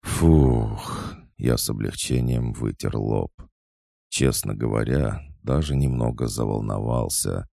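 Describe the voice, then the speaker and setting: A man narrating an audiobook in a steady storytelling manner. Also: rumbling low, a little slow, vocal fry, no echo, clean studio sound.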